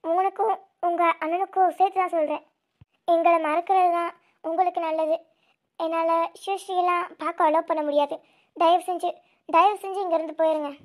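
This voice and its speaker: A woman voicing a grieving young snake-woman who guards her younger sister, speaking with tearful, halting repeats in an amateur audio drama. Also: very high-pitched, fairly even intonation, darkish tone. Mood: firm refusal.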